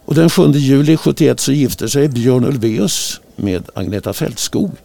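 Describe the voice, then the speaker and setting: A man co-hosting a casual radio chat show, speaking in a husky, gravelly voice and telling music trivia as a relaxed storyteller. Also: mid-range voice. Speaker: radio co-host.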